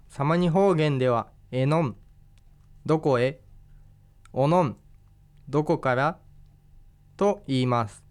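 Guy teaching a language class, slow careful explaining, clean smooth voice. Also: on the high side, darkish tone. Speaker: language instructor. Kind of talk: scripted language lesson.

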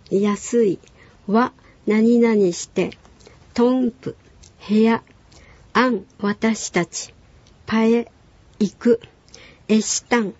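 A woman teaching language on a radio lesson, calmly explaining and modelling words for a learner to repeat. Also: fairly high pitch, dry recording, dull audio.

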